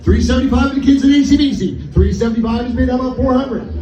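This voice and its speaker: A man's voice: very high-pitched, very fast, dark tone, muffled recording. A man working as an auctioneer, calling bids in a chant of repeated numbers and filler syllables. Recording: echoey, distant mic with music behind.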